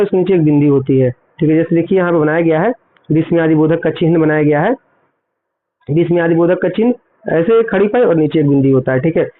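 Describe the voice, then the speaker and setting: A man teaching an exam-prep grammar lesson, explaining step by step and asking questions he then answers himself. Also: sits high. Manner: explanatory, repeats points and asks then answers quiz questions. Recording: tinny phone-like audio.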